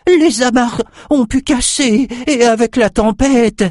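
A stammering, terrified old cook. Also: male voice, a little high, expressive, measured pace, darkish tone, no echo, clean studio sound, voice pushed up. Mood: terrified pleading. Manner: stammering, begging. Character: old lame male cook, a terrified, pleading slave.

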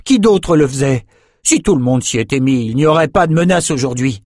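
A man's voice: mid-range voice, animated, brisk, darkish tone, no echo, clean studio sound, pitched above the performer's own voice, natural voice. A man voicing a sulky, defensive young lout who grumbles his lines in a storybook reading.

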